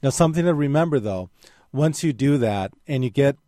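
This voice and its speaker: Relaxed man explaining over a dry studio mic. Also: mid-range voice, brisk, dry recording. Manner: explanatory, relaxed, many fillers. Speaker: radio guest expert on photography. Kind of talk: casual call-in radio chat. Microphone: studio microphone.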